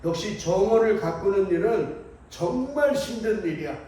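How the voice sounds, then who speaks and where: An impatient storybook toad that frets and yells at its seeds, as a preacher puts it on. The voice sits high and rings through a big echoey church, picked up from a distance. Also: male voice, lively intonation, moderate pace. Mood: fretful. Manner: shouting demands at seeds.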